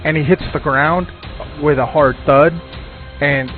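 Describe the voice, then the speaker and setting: A man's voice: on the high side, steady tone, a little slow. A man narrating a tabletop game as game master, describing the scene in a loose, storytelling way with frequent restarts. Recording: phone-like audio with faint music.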